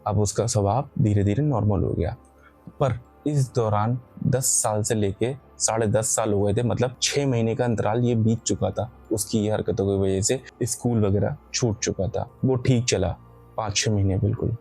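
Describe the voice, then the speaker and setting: Male storyteller, husky and soft-toned, casual and digressive horror narration. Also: lowish voice, fairly even intonation, moderate pace, soft background music. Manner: rambling, self-correcting, frequent filler asides.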